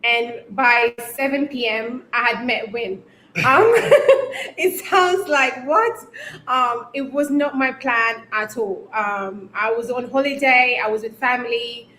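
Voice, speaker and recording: A woman's voice: a little high, slow pace, bright, forceful tone, roomy sound, slight background noise, poor audio. A young woman from Kenya, raised in the UK, telling her story as a guest in a casual interview, with many ums. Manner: chatty storyteller with frequent ums. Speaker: guest, YouTuber.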